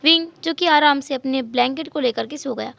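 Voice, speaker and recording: High-voiced woman telling a story. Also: fairly quick, gravelly, no echo. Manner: lively retelling with English words mixed in. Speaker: narrator. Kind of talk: storytelling fan dub narration.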